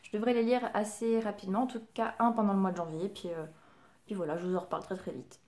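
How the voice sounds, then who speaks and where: A woman's voice: medium pitch, fairly even intonation, fast talker, darkish tone. A woman casually chatting through a book haul, enthusiastic and full of hesitations and little fillers. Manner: enthusiastic, giggly. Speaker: book vlogger.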